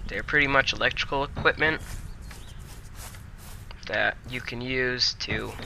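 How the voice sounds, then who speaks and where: Slow-talking young man with a bright voice. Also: mid-range voice, creaky, a little hiss or hum, poor audio. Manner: slow, rambling, self-correcting. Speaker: gaming tutorial host. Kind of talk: casual game tutorial commentary.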